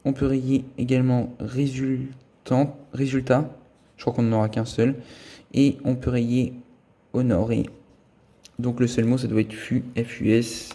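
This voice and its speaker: As he works through his scratch cards, this vlogger narrates casually, weighing each symbol and letter aloud. He has a dark, medium-pitched voice that barely rises or falls, and his pace is measured.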